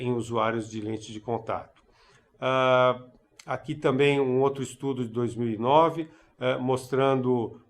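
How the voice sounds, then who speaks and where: A man giving a recorded conference lecture on eye care, halting, with many fillers and restarts. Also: mid-range voice. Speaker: ophthalmology lecturer.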